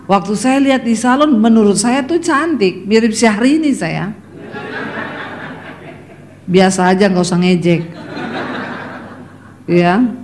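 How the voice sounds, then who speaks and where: A woman's voice: medium pitch, animated, takes it slowly, long pauses, darkish tone, slight background noise. A middle-aged woman delivers a sermon full of personal stories. She tells them vividly, slipping into her family members' voices and turning often to address the congregation directly. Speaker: preacher.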